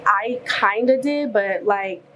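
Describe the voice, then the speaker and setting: A young woman, a salon owner chatting casually as an interview guest, relaxed and soft-spoken with lots of "like" and "I guess". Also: medium pitch, slow pace, slight background noise. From born in Ghana, raised in Columbus, Ohio.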